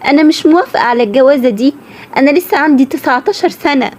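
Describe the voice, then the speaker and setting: A woman's voice: high-pitched, rapid-fire, a little mellow, natural voice. A woman voicing frightened young Egyptian sisters. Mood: anxious. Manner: pleading, anxious. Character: frightened young sisters, nineteen-year-old girls.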